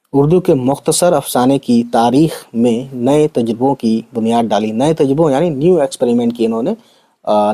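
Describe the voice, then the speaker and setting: A man from India teaches an Urdu literature lesson in a mellow, relaxed voice. He takes each difficult word apart with plainer synonyms and English equivalents. He keeps checking in with the class through quick tag questions. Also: medium pitch. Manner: explains each hard word with simple synonyms and English terms, often adds tag questions.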